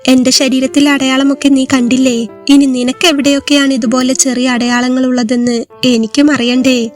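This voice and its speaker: A woman reading the lines of a tender young husband in a story, speaking softly and affectionately. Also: very high voice, level tone, normal speed, soft background music. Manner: soft, affectionate speech.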